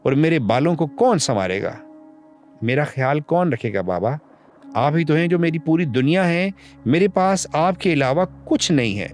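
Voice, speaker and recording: A man's voice: lively intonation, soft background music, natural voice. A man voicing a frightened little girl who pleads and sobs on a sinking ship. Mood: sobbing pleading. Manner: pleading, sobbing, high and pressed.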